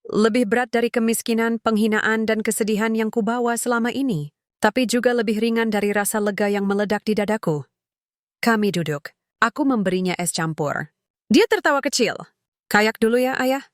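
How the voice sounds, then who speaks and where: A woman telling a first-person story in a measured, emotional storytelling manner. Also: on the high side, dry recording, clean studio sound. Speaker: narrator.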